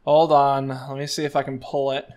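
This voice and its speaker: A man's voice: mid-range voice, flat delivery, moderate pace, darkish tone. A young man co-hosting a casual, opinionated reaction chat, repeating words for emphasis. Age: young adult. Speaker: co-host. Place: indoors at home on a video call.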